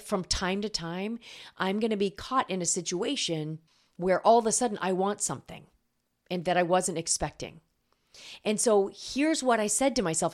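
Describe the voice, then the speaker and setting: A middle-aged woman hosts a solo podcast as a weight-loss coach. She talks earnestly and personally, and her voice sits at an ordinary middle pitch. She sounds sincere and easy to follow. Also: darkish tone.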